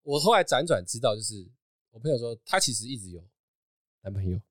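A man, hosting a podcast and telling a story in a casual, animated chat, laughing often. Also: medium pitch, fairly quick, dry recording, clean studio sound. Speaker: podcast host.

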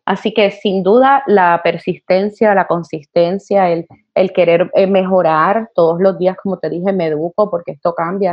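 A woman, a counselor talking as a podcast guest, passionate and animated, with many fillers. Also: lowish voice. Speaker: guest, college admissions counselor. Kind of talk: conversational podcast interview. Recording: slightly dull podcast audio.

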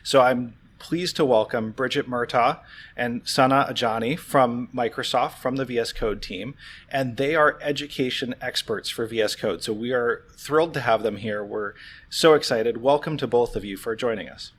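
Man hosting a podcast, mid-pitched. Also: moderate pace, fairly bright tone, husky. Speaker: podcast host, coding teacher.

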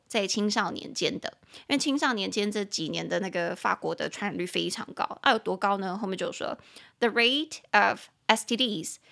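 A young woman with a Taiwanese Mandarin accent hosts an English-lesson podcast at a medium, even pitch. She slips between Mandarin and English, drawing out key words and spelling them letter by letter for her listeners. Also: creaky. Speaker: podcast host and English teacher.

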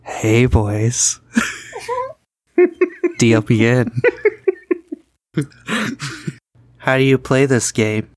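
A man voicing a seductive elven woman in a tabletop game, with a breathy, flirty drawl. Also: mid-range voice, wildly swooping pitch, extremely slow, long pauses, a little mellow, full character voice.

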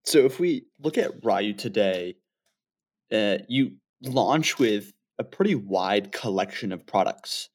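A man's voice: lowish voice, lively intonation, takes it slowly. A man hosting an interview, asking questions in a conversational way. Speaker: podcast host.

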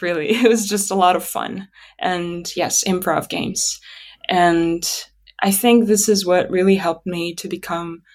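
A woman whose native language is Russian speaks in a slightly low voice. She tells stories about herself conversationally, pausing and thinking aloud as she goes. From Kazakhstan. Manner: halting, reflective, thinking aloud. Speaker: interview guest. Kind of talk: conversational personal storytelling.

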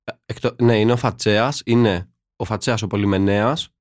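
Low-voiced young man telling slangy stories. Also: steady tone, no room sound, clean studio sound. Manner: slangy, ironic storyteller. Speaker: podcast co-host. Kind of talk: casual chat.

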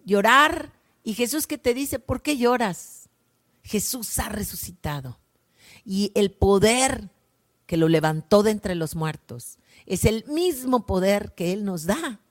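A woman gives a slow, prayerful gospel reflection as a worship leader, often softening to a hush at the ends of lines. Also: medium pitch, expressive.

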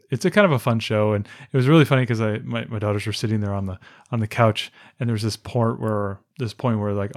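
Rambling low-voiced male podcast co-host. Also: darkish tone. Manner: rambling, many restarts and fillers. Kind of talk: casual chat.

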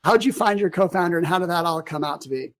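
A man's voice: high-pitched, fast talker. Chatty male podcast host. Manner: chatty, lots of fillers and restarts. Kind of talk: casual interview.

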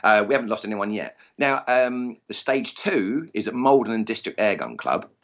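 A man's voice: fairly low pitch, lively intonation, moderate pace, fairly bright tone, dull audio. A man with an Essex accent chatting casually as an interview guest, self-deprecating and jokey. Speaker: interview guest, target shooting instructor. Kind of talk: casual chat.

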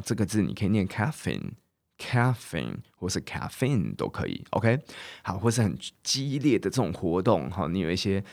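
A man hosting a podcast English lesson, chatty and casual, drilling words slowly and often asking "OK?". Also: lowish voice, a little mellow, dry recording, studio quality. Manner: casual, chatty teaching in Mandarin mixed with English. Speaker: English teacher and podcast host.

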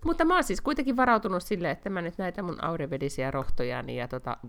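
A woman's voice: lowish voice, lively intonation, over loud music. A woman from Finland co-hosting a casual podcast chat, talking at length with lots of fillers and a playful, teasing manner. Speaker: podcast co-host. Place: Helsinki.

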